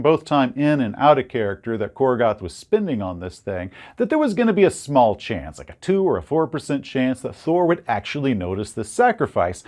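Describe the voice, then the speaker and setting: A man and game master recounting a tabletop session, acting out scenes in an animated storytelling style. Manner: acts out scenes with sudden leaps in pitch.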